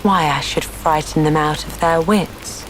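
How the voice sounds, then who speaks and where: A woman's voice: sits low, steady tone, measured pace, background noise. A woman puts on an earnest little girl from a bedtime storybook. The child is polite, puzzled and a touch doubtful, speaking without hurry while rain patters faintly behind. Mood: puzzled musing. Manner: doubtful, truthful, mildly protesting.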